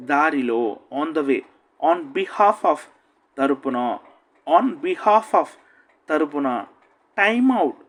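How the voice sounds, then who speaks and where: A man teaching spoken English, saying each phrase slowly and with stress, then giving its meaning in a lower, quicker voice. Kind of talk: slow, deliberate English-Telugu phrase drills.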